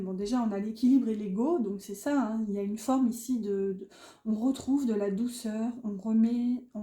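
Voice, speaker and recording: A woman's voice: a little high, warm tone, echoey room. A woman from northern France with a northern French accent, giving a rambling, hesitant tarot card reading. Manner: rambling and hesitant, many fillers. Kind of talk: casual spoken card reading.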